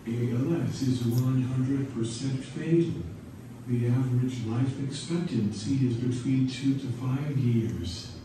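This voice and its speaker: A man's synthetic text-to-speech voice giving a scripted motivational pep speech in a measured, machine-like delivery, played through a speaker in a large room. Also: mid-range voice. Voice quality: synthetic text-to-speech voice from an eye-controlled speech device. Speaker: motivational guest speaker, former high school quarterback. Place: large indoor school weight room. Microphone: device speaker picked up by far camera. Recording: echoey, noisy room, distant from camera.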